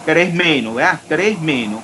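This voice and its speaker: A man's voice: on the high side, expressive, measured pace, bright, forceful tone. Man lecturing chemistry, noisy background. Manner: questioning, repeats terms, spells out formulas. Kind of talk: online class lecture.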